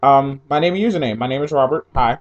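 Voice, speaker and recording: Medium in pitch, expressive, and quick, a young man records an audio blog entry at home in slightly dull lo-fi sound. He's from New Jersey, mostly grew up in Atlanta, and works casually through a questionnaire with rambling side comments.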